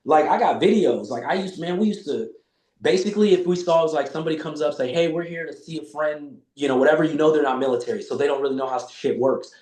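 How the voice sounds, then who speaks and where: A man's voice: fairly high pitch, fast, darkish tone. A man in his forties telling loose, profane stories in a casual podcast chat. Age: 40s. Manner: loose, profane storytelling with acted-out quotes. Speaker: podcast guest. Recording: roomy echo.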